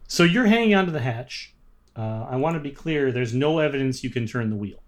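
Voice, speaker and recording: A man narrating a tabletop role-playing game as game master. He describes scenes in a relaxed, thoughtful way, with many small hedges and fillers. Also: mid-range voice, fairly quick. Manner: thoughtful, hedging with frequent fillers.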